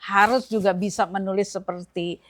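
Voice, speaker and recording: A woman's voice: medium pitch, steady tone, normal speed. An older woman hosting a casual interview, speaking hesitantly with many fillers and murmured agreement. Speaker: host.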